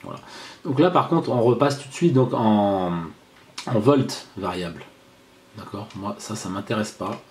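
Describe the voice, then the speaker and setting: A man giving a casual hands-on product review, chatty and halting with frequent fillers and restarts. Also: fairly low pitch, darkish tone.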